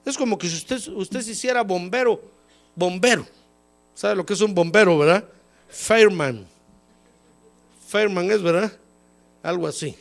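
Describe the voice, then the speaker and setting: A man, a pastor, preaching a folksy sermon and calling his listeners "brother". He has a cold, and his voice jumps up high when he acts out quoted people. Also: moderate pace, gravelly. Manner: folksy, repeatedly calls listeners "hermano". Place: church service.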